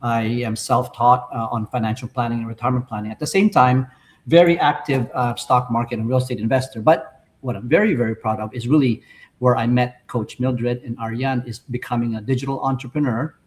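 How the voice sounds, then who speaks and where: An older man from the Philippines speaks as a guest on a podcast chat, in a voice of average pitch. He is polite and fills his pauses with many "uh" sounds. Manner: polite, with frequent "uh" fillers.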